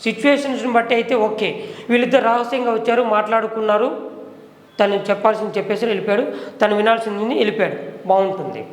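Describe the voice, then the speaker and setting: High-voiced male acting teacher, echoey room. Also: racing. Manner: explains with hands-on examples. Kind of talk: classroom lecture on acting. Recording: echoey room with long reverb.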